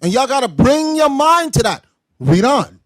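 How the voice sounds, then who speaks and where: A man teaching scripture to a class, loud and confrontational, breaking into shouts and explaining verses in everyday slang. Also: extremely high pitch, big pitch swings, normal speed, dry recording. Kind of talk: street-style preaching commentary.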